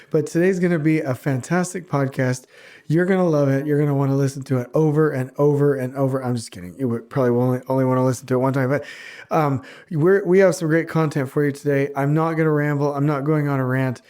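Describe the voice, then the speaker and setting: Stuffy from a cold, a podcast host talks casually on his own show in a solo monologue. His voice is on the high side and a little mellow, and his manner is earnest, self-mocking, and somewhat rambling.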